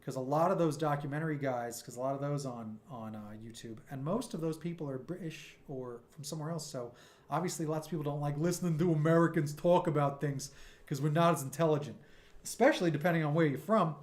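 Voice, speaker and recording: A slightly high-voiced man in his thirties with a New York accent talks quickly while livestreaming his art from his home streaming room. He rambles in a loose, chatty, animated way and pokes fun at himself, with soft synth music playing behind him.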